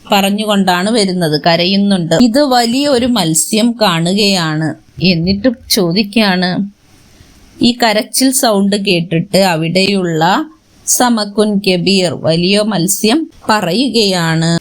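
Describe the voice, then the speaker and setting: Slow, patient woman teacher. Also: mid-range voice. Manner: slow, patient explaining, mixing English words into the lesson. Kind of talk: online class lesson, explaining a story line by line.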